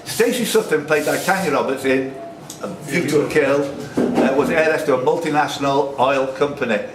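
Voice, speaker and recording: This man, the quiz's host and question writer, reads questions aloud to the players and adds playful asides. His voice runs on the high side at a moderate pace, and the room recording is noisy and echoey.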